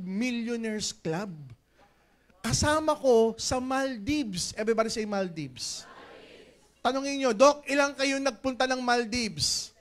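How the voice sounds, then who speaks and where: A middle-aged man giving a lively motivational business talk on stage, joking and calling out to the crowd, booming on punchlines and dropping low on asides. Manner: animated, jokey, swings between loud punchlines and low asides. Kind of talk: stage motivational speech with audience call-and-response. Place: large event hall with an audience.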